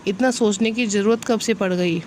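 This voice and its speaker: A man's voice: high voice, normal speed, a little hiss or hum, natural voice. A woman voicing a teasing, romantic young man pleading to see his girlfriend in a storybook reading.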